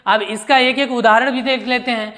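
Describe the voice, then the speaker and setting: A woman teaching a Hindi grammar lesson who asks her pupils rhetorical questions, answers them herself, and repeats key words slowly. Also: fairly high pitch, fairly even intonation, pushed and bright, in a large hall. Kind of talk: classroom-style grammar lesson.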